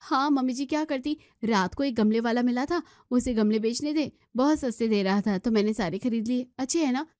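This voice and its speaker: A woman playing a high, pleading young daughter-in-law. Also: fairly quick, few pauses, a little mellow, no echo, studio quality, natural voice. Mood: defensive. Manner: pleading, defensive replies.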